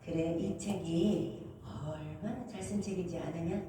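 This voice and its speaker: A woman voicing Jesus in her testimony as a calm, gently teasing man with a low, slow manner. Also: a little hiss or hum, lightly acted. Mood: gentle. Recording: echoey hall from far off.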